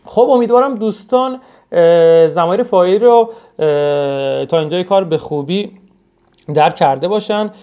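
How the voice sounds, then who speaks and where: A man's voice: high-pitched, clear, resonant tone. A man from Iran teaching a spoken language lesson, patiently repeating words for learners and speaking formally and politely with many hesitation sounds. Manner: patient, repeats each word slowly for learners. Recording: dull lo-fi recording.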